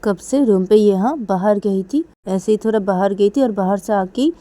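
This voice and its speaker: A woman voicing an excited middle-aged mother who talks loudly and eagerly, stammering and chattering on. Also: medium pitch, moderate pace, natural voice. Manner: loud, eager, stammering with "haan".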